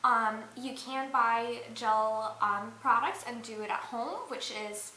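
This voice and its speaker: A woman's voice: on the high side, takes it slowly, sharp tone. A young woman vlogging a joking makeup tutorial in a chatty, giggly way, full of fillers. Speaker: beauty and dance vlogger. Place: indoors at a mirror. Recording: echoey room with faint hiss.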